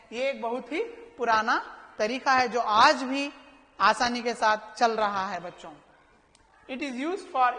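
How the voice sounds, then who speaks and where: A woman teacher gives a recorded online class to children. She explains patiently, asks the pupils rhetorical questions and reads English sentences slowly and carefully. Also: fairly high pitch, a bit bright, big-room sound.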